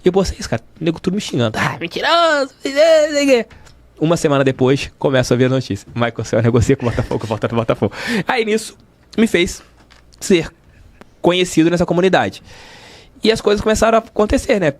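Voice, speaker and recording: Very animated and quick-paced, a slightly high male voice comes through a dry recording from a podcast studio. The speaker is a middle-aged Brazilian sports journalist with a Rio de Janeiro state accent, an interview guest who tells stories casually and emphatically, repeating phrases for emphasis.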